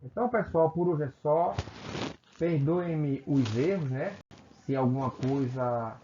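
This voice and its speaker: A man's voice: fairly high pitch, slow pace, warm tone. A Brazilian man teaching a recorded grammar video lesson, explaining step by step, often checking in with his students and correcting himself as he goes. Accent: Brazilian Portuguese. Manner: self-correcting, repeats phrases. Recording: echoey room, muffled lo-fi sound with faint hiss.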